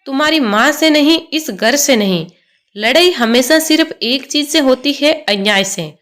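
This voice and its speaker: A woman voicing a young mother who is protective and resolute and speaks calmly but firmly. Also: high-pitched, normal speed. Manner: calm, resolute, pleading.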